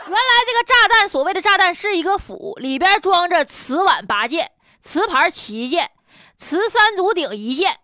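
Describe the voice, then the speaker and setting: A high-voiced woman with a Northeastern Mandarin accent hosts a comic news commentary show. Her delivery is very animated, blunt and full of everyday colloquial opinion. The sound is close and dry. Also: no echo.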